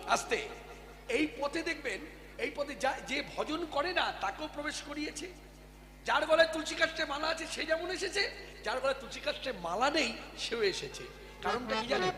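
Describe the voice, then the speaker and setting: A man delivers a devotional sermon, pressing his audience with pointed questions. His voice sits high. It rings with the long echo of a big hall, and instruments play clearly behind him. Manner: addresses the audience with questions, emphatic. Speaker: kirtan preacher. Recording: echoey hall with music behind.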